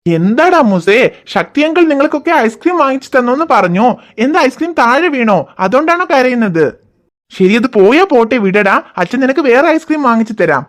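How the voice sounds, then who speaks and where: A woman voicing a patient, gentle father in a cartoon, coaxing and reassuring his crying child. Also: on the high side, very animated, brisk. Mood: soothing. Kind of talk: cartoon voice acting.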